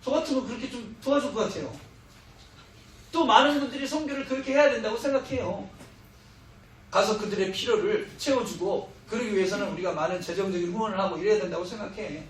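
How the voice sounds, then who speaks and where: With a high-pitched, fast voice, a middle-aged missionary speaker preaches a sermon full of humorous stories, acting out what people said. The recording is distant and echoey in a church hall, carrying a little hiss or hum.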